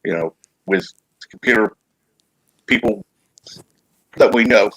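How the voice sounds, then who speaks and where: A man's voice: lowish voice, huge pitch swings, slow pace, gravelly, fairly bright tone, breathy edge, dry recording, poor audio. A man hosting a casual talk show, giving his opinions in an informal way. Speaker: talk show host reading chat comments.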